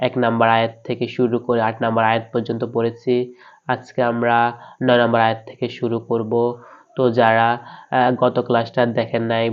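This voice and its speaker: A man with a Bangladeshi Bengali accent leads a slow spelling lesson, patiently sounding out each letter before joining them. His pitch stays strikingly level and his tone is smooth and clear. The recording sounds a little dull and lo-fi. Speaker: Quran recitation teacher.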